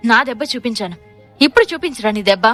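A woman's voice: fairly high pitch, expressive, quick pace, bright, forceful tone, soft background music. A woman playing a fierce proud young husband. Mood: challenging. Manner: challenging, snapping.

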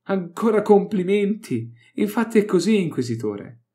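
A man's voice: on the high side, normal speed, darkish tone, pitched above the performer's own voice, lightly acted. A man voicing a gleeful, scheming male scholar of alien lore, mocking and triumphant in a theatrical way.

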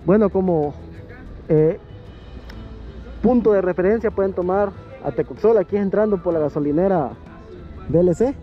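A man's voice: high-pitched, normal speed, long pauses, highs cut off, faint music behind. A man with a Salvadoran Spanish accent hosting a casual travel vlog outdoors, chatty and enthusiastic. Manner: chatty, enthusiastic, laughs often. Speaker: vlogger host. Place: outdoor riverside restaurant.

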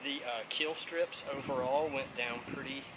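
A man in his thirties hosting a casual how-to vlog outdoors in a backyard, chatty and relaxed, with filler words, picked up by a camera mic at some distance. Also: medium pitch, normal speed, very noisy. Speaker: outdoor channel host.

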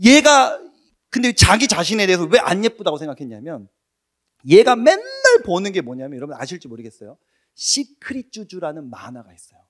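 Pastor guy in his 40s preaching, pretty high voice, bouncy storytelling, goes soft then loud. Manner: lively storytelling, swings from hushed to loud. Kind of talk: sermon. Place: church room with an audience.

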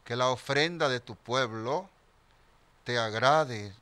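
A man's voice: medium pitch, slow, noisy background. A middle-aged man, a priest, celebrating mass in a small chapel with solemn liturgical delivery, speaking into a stand mic at the altar.

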